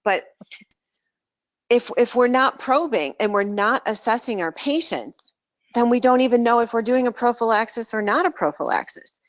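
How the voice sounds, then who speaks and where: A woman's voice: fairly high pitch, moderate pace, no echo. A woman on a group voice call, talking as a coach for dental practices. She is emphatic and outspoken. Her voice comes through muffled, lo-fi and very dry, with no room sound behind it. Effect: heard over a group voice call. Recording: dull lo-fi call audio.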